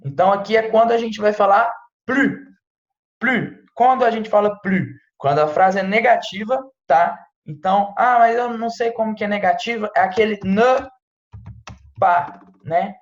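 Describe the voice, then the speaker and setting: A man's voice: sits high, moderate pace, echoey room, lo-fi sound. A man, teaching an informal online French lesson in a chatty way, often checking in with "tá?" and "né?". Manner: chatty, peppers speech with "tá?" and "né?". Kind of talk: casual online language lesson.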